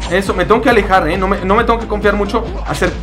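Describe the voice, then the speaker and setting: A young man with a Mexican accent giving excitable, jokey commentary while he plays a fighting game. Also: high-pitched, rapid-fire, music in the background. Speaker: gaming YouTuber. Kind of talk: gameplay commentary.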